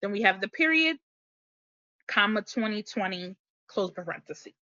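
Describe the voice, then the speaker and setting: A woman's voice: mid-range voice, animated, moderate pace, pushed and bright, no echo, highs cut off. A woman instructor giving a lesson, dictating examples word by word and calling out the punctuation. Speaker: writing instructor. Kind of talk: slide lecture on essay citation.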